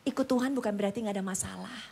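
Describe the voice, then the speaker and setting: A woman's voice: medium pitch, very fast, creaky, a little mellow, a little hiss or hum. A woman preacher telling a story in a sermon, dramatic and often turning to address the congregation directly.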